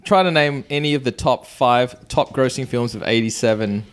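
A man's voice: medium pitch, normal speed. Man reading film trivia, hesitant. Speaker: podcast co-host reading trivia. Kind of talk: casual chat.

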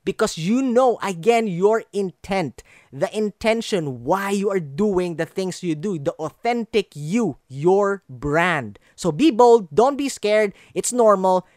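Speaking slowly in a high, slightly mellow voice with lively intonation, a Filipino guest speaker coaches on branding over an online video call. English is his second language, spoken with a Filipino accent, and he earnestly repeats phrases for emphasis in a conversational motivational style. The audio is dry and studio-clean.

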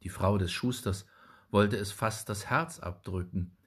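Slow, measured fairy-tale narrator, male. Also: on the low side, breathy edge.

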